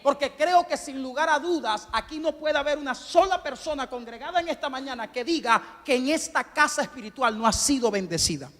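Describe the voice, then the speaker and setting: A man's voice: very high voice, expressive, fairly quick, hardly any pauses, a bit bright. A man preaching a sermon to his congregation at a Sunday church service, fervently asking them questions and calling for amens. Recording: long church-hall reverb.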